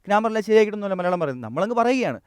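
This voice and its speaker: A young man from Kerala, an English teacher, giving an energetic, direct stage talk that urges the audience on, often restarting and correcting himself mid-sentence. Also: high voice, rapid-fire, smooth, no echo, clean studio sound. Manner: frequent self-corrections and restarts. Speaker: English teacher and motivational speaker.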